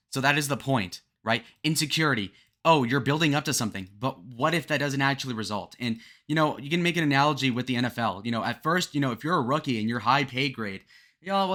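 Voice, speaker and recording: A man's voice: medium pitch, sharp tone. A young man in his twenties giving a blunt, rambling breakdown of a song, full of fillers. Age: 20s. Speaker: music commentator. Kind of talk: casual song breakdown commentary.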